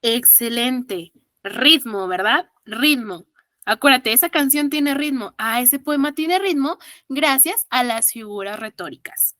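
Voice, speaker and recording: A woman's voice: high voice, unhurried, fairly bright tone, dry recording, clean studio sound. A woman with a Mexican accent teaching an online exam-prep class, counting syllables aloud and praising her students patiently.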